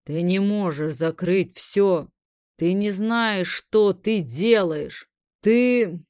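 A woman voicing a menacing faceless shadow creature, the mind of the rifts, in an audiobook, speaking slowly and coldly. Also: mid-range voice, darkish tone, dry recording, clean studio sound. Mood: desperate.

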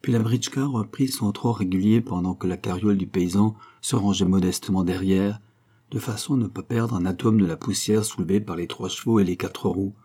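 Low, husky male audiobook narrator. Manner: steady, measured literary reading. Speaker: audiobook reader. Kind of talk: scripted narration.

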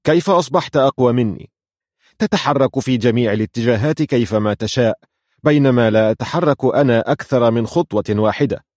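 A man voicing an angry, tyrannical chess king who shouts his commands in a dry storybook reading. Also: mid-range voice, fairly quick, dry recording, lightly acted. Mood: haughty angry.

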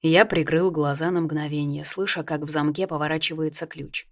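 A woman narrating an audiobook with a low voice. Her reading is even and measured. It stays close and steady. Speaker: audiobook reader. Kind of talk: scripted narration.

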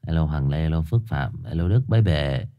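A man's voice: rumbling low, expressive, brisk, lo-fi sound. A man hosting a live horror story stream, chatting with viewers by name, with a stuffy nose and an occasional cough. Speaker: host of a live horror story reading channel. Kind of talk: livestream chat and story introduction.

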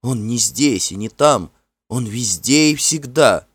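A man voicing a gentle, frightened young fairy woman who speaks softly and imploringly in a storybook reading. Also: mid-range voice, animated, slow, breathy edge, no echo, voice pushed up. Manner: soft, tremulous and imploring.

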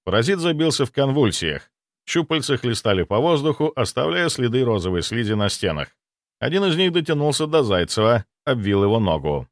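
A man narrating a first-person fantasy audiobook in an expressive, vivid storytelling manner. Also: mid-range voice, fairly quick, no room sound, studio quality.

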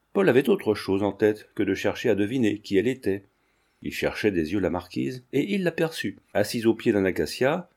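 A man narrating a classic novel aloud, measured and expressive. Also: mid-range voice. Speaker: audiobook narrator. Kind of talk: scripted literary narration.

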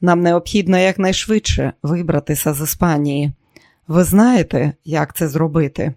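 A man's voice: a little high, normal speed, darkish tone, no echo, clean studio sound, close to an everyday voice. A man reading an audiobook voices a tense, scheming young woman on the run, speaking urgently with a raised voice.

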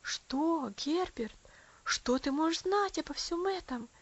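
A woman's voice: extremely high pitch, animated, slow, voice pushed up, full character voice. A woman voicing a tender, concerned mother in an audiobook story. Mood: alarmed. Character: gentle worried mother. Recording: dull lo-fi audio.

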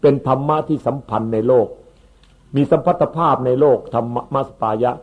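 A man, a monk, giving an unhurried Dhamma sermon that explains Pali terms and repeats his words. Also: medium pitch, fairly even intonation, slightly rough. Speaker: Buddhist monk. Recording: tinny phone-like recording.

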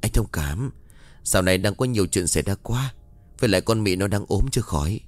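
A man's voice: on the low side, lively intonation, fast, lightly acted. A man voicing a stern middle-aged woman who scolds her young maid curtly. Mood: weary. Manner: scolding, curt.

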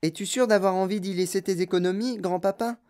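A reader voicing a young boy in an audiobook, speaking softly with a raised pitch. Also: fairly even intonation, fairly quick, natural voice. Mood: soft hopeful. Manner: soft, raised pitch, gentle. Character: young boy, quiet, hopeful. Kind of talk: audiobook reading.

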